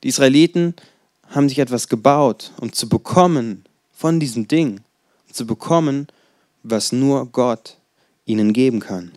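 Junger Mann, lockere Predigt. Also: male voice, medium pitch, normal speed, darkish tone, no room sound, clean studio sound. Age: 20s. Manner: conversational, storytelling, rhetorical questions. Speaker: preacher. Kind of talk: casual sermon.

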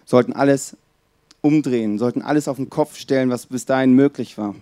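A man's voice: medium pitch, no echo. A man preaching a Christmas Eve sermon in a church, earnest and speaking straight to his listeners. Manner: earnest, addresses listeners directly; drops to a soft, slow tone when reading scripture.

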